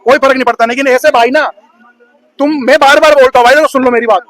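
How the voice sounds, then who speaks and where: A man's voice: extremely high pitch, steady tone, quick pace, a bit bright, dry recording. A man ranting sarcastically in a street interview, scolding people and repeating "bhai" constantly. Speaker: bystander interviewee. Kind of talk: heated street interview rant.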